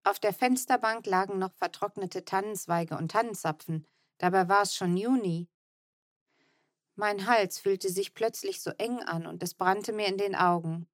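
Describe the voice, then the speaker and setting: A woman's voice: mid-range voice, moderate pace, no echo, clean studio sound. A woman narrating a children's book in the first person, telling the story evenly and tenderly. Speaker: audiobook narrator.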